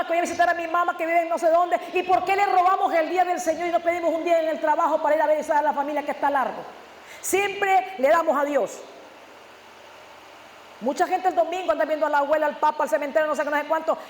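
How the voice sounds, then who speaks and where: A male pastor preaches fervently, firing rhetorical questions and sudden loud emphasis. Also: very high-pitched, fairly even intonation, quick pace, a little hiss or hum. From Nicaragua. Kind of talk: sermon. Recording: echoey church hall with long reverb.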